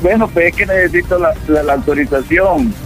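A man's voice: on the high side, a little fast, soft background music, natural voice. A man doing a whining lovesick son. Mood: pleading. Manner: pleading, stammering. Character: whiny, lovesick young adult son.

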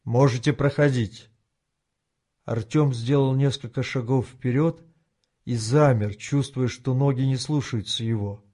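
A man reading a tense novel aloud as an audiobook narrator, with steady, dramatic storytelling. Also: mid-range voice, a little slow. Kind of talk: scripted narration.

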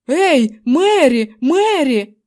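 A woman voicing a panicky middle-aged man in an audiobook, yelling frantically. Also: animated, takes it slowly. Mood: frantic. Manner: yelling, frantic, high-strung. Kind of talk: audiobook character voice.

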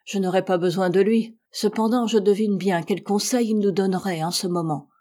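A woman's voice: medium pitch, fairly even intonation, moderate pace, warm tone, natural voice. A woman voicing an old male ship's boatswain, plaintive and fretful, in a read-aloud novel. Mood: rueful.

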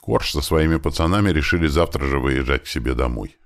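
A man reading a first-person adventure audiobook in a relaxed, conversational storytelling manner. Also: extremely low pitch, a little fast. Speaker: audiobook narrator.

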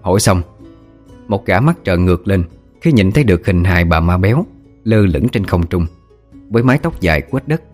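A man tells a spooky tale as an audiobook, keeping his storytelling calm and even. His voice sits very low. Faint music plays behind him. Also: moderate pace, long pauses. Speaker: audiobook narrator. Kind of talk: storytelling narration doing all voices.

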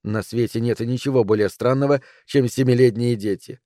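A man reading a novel aloud in a calm, measured way. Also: mid-range voice, no echo, clean studio sound. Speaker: audiobook narrator.

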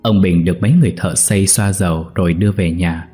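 A man narrating a ghost story in an expressive storytelling way. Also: sits low, fast talker, breathy edge, soft background music.

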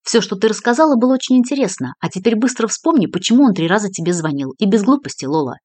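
Brief: woman narrator voicing a hard male officer, curt and commanding, fast, dry close sound. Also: medium pitch, expressive, a little mellow, no echo, voice pushed up, lightly acted. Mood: threatening. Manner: commanding, brusque. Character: stern, blunt male police officer. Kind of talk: audiobook character reading.

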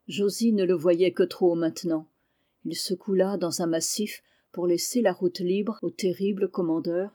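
Warm-voiced woman reading a novel aloud. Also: fairly low pitch, husky. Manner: measured, expressive storytelling. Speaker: audiobook reader. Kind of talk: scripted narration of a novel.

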